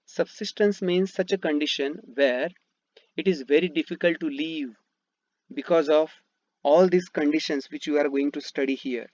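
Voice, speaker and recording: A man's voice: on the high side, normal speed, a little mellow, dry recording. A man with an Indian English accent and Marathi as his first language, teaching a history lesson over slides, with rhetorical questions and frequent fillers. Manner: explains step by step, asks rhetorical questions, frequent fillers and restarts. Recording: dull dry lo-fi voice-over.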